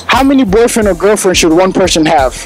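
A man's voice: high-pitched, animated, a little fast, soft background music. A young man hosting a casual street interview outdoors with a handheld mic, asking teasing, playful questions.

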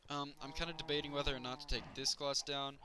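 A young man rambles through his game as a YouTuber, chatty and quick to yelp. His recording is home-made, with clear hiss and mouse clicks behind the voice. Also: fairly high pitch. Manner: chatty, excitable, yelps when things go wrong. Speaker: gaming YouTuber. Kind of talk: Minecraft let's play commentary.

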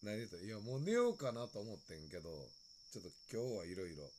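A man's voice: on the low side, big pitch swings, a little fast, mellow, a little hiss or hum. A man with a Kansai accent chatting loosely on a late-night phone live stream, greeting viewers and laughing often. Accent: Kansai Japanese.

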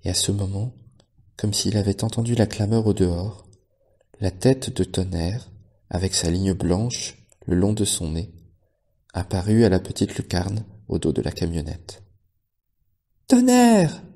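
A man with a very low voice reads a story aloud as a librarian would. His narration is steady and measured, taking the text at an even pace. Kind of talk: audiobook narration.

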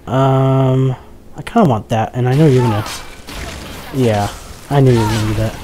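Mellow-voiced young man chatting over gameplay. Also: medium pitch, moderate pace, a little hiss or hum. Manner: chatty, jokey, talks to the viewers, easily startled. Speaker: gaming commentator. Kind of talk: casual let's play commentary.

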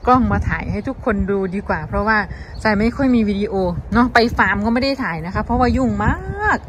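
This is a garden vlog shot outdoors, where a woman with an Isan Thai accent chats casually and refers to her audience as brothers and sisters. Her medium-pitched voice is a bit bright, and there's slight background noise.

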